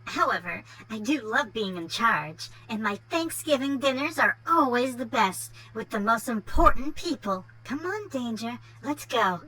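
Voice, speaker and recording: A woman acts out a snobby young rich girl from a game. The delivery is bright and forceful, with a bubbly sorority-girl gush and a Valley Girl accent. Faint music plays behind. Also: on the high side, animated, a little slow, few pauses, husky, heavily acted, low-quality recording. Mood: smug. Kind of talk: game character dialogue read.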